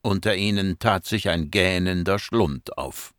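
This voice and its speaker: A man narrating an audiobook in a measured storytelling voice that slows for dramatic moments. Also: sits low, fairly bright tone, no echo, clean studio sound. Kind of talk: scripted narration.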